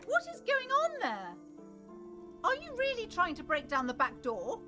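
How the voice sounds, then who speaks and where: A woman's voice: very high-pitched, wildly swooping pitch, moderate pace, over music, heavily acted. An actress voicing a wary woman in a video game who warns an officer not to tempt the spirits, speaking with urgent, superstitious insistence. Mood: alarmed, warning. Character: wary woman warning of spirits behind a door.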